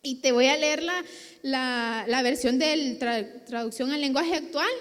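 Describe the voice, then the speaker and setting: High-voiced young woman preaching in a hall. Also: a little slow. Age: young adult. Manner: conversational, personal storytelling with many restarts. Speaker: youth preacher. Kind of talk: sermon. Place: church hall. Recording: reverberant hall.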